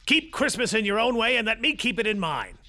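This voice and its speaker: An actor playing a cold-hearted, scornful old miser in a theatrical audio drama, curt and emphatic. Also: male voice, high voice, big pitch swings, fairly quick, bright, forceful tone, exaggerated voice. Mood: bitter scorn.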